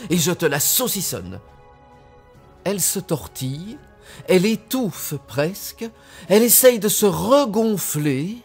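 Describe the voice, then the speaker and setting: Male storyteller for a children's tale, unhurried and very animated, over faint background music. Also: on the high side. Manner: expressive, deliberate storytelling. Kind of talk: reading a children's tale aloud.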